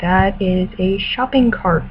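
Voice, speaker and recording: A woman's voice: medium pitch, slow. A woman speaking casually in a hesitant, think-aloud way, answering questions and reading aloud. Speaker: accent challenge participant. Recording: tinny phone-like audio with background noise. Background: radio playing music in the background.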